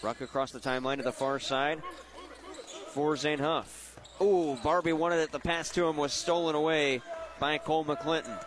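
A male sports announcer with a somewhat high voice calls a live basketball game on the radio. He works in short, clipped phrases, following the ball from pass to pass and shot to shot. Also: fairly even intonation, moderate pace. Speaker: play-by-play announcer. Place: high school gym, courtside.

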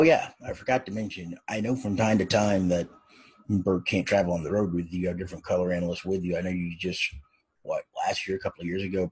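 Very raspy low-voiced male podcast host. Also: darkish tone, rough recording. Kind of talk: conversational interview.

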